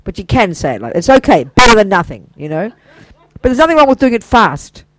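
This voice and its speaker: An older Buddhist teacher giving an informal, chatty dharma talk to a small group, enthusiastic and quick with praise and asides. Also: medium pitch, very animated, noisy background.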